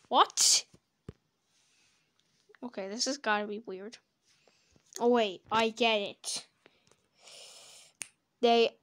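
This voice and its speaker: A woman reacting to videos in casual commentary, blunt and crude with plenty of swearing. Her voice sits fairly high and she talks slowly, with occasional sudden loud outbursts, close to a desk mic.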